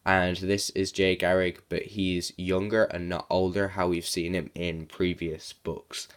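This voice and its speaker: A man's voice: sits low, flat delivery, unhurried, clear, resonant tone. A man with a sore throat and sniffles giving a casual, rambling video review as a comic book reviewer.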